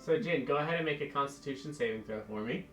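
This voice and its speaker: A man acting as game master for a tabletop game with friends, easygoing and quick to laugh. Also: medium pitch. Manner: relaxed, laughing, easygoing rulings. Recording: roomy sound with music behind.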